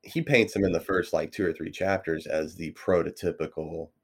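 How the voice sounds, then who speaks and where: A podcast co-host with a deep, slightly rough voice and vocal fry talks casually about a novel at normal speed in a steady tone. He rambles through the book discussion with lots of fillers like "you know."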